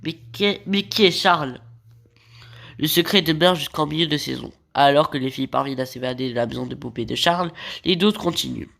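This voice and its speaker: Summarizing a TV show's story for a video, this man has a cold and keeps stumbling and fixing his wording. He speaks fairly quickly in a fairly high, creaky voice with a fairly bright tone.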